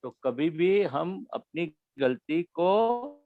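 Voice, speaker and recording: A man giving a spiritual talk to young listeners, explaining slowly and repeating his key phrases. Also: fairly high pitch, big pitch swings, dry recording. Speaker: spiritual teacher. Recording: dull lo-fi recording.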